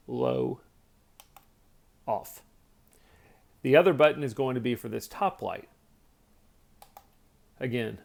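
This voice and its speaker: A man reviewing a product walks through its demonstration, laying out every feature in simple steps with a plainspoken, casual delivery. His voice is mid-pitched and often eases into creak.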